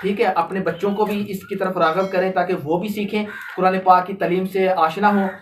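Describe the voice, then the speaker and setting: A woman gives a tajweed lesson to a young pupil, patiently repeating and drawing out each sound. Her voice sits at a middling pitch and is caught from across the room. A steady hiss of noise runs underneath. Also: normal speed. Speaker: Quran recitation teacher. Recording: distant mic with steady background noise.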